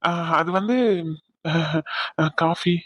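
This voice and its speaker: A man's voice: high-pitched, extremely slow, fairly bright tone, a little hiss or hum, heavily acted. A man voicing a young cartoon husband who teases his wife and fumbles with fillers when caught out. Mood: sheepish. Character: young husband, teasing and sheepish.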